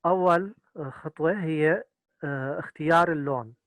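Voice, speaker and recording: A man's voice: fairly high pitch, rapid-fire, a bit bright, dry recording. A man, interpreting a lecture consecutively and hesitating with many filler sounds.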